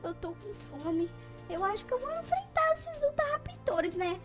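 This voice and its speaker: A woman's voice: very high voice, very animated, normal speed, music in the background. A woman narrating a game in first person as the character she plays, dramatic and emotional. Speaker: game role-player.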